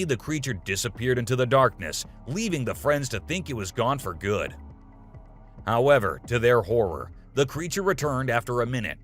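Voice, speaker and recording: A man's voice: medium pitch, fairly bright tone. A man reading scripted narration in the manner of a nature documentary. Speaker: narrator of a video compilation. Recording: music behind the voice. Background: music.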